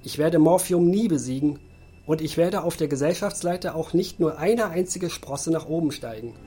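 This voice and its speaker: A man voicing a naive, confused young man who speaks in a higher, plaintive voice. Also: normal speed, mellow, natural voice. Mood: whiny.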